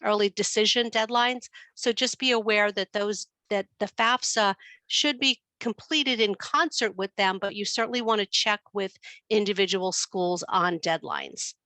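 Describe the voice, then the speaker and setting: A woman with a New York accent walks through financial aid in a webinar, explaining in a steady, patient way with plenty of ums. Her voice is bright and forward, and it comes through a computer mic on a video call with a close, dry sound. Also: mid-range voice, unhurried, dry recording. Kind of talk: informational webinar presentation.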